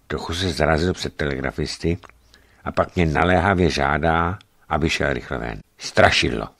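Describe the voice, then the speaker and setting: Deep-voiced man reading a travel memoir. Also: gravelly. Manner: measured, expressive reading. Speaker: narrator.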